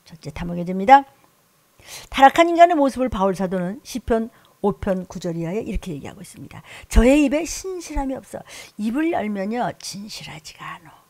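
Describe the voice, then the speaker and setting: A woman's voice: on the high side, sing-song, fast talker, few pauses, darkish tone, no echo. A middle-aged woman pastor preaching a sermon, emphatic, often acting out scolding voices and inner thoughts.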